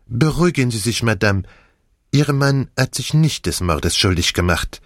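A man's voice: mid-range voice, animated, moderate pace, no echo, clean studio sound, voice pushed up, lightly acted. A man voicing a fussy, commanding elderly Belgian detective who speaks German with a French accent in a precise, formal way. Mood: explaining. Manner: precise, formal, lightly theatrical.

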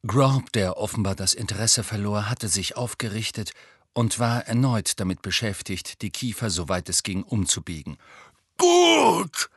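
A man reading an audiobook as narrator, telling the story in a lively, expressive way. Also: on the low side, moderate pace, breathy edge, dry recording, studio quality. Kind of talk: scripted narration.

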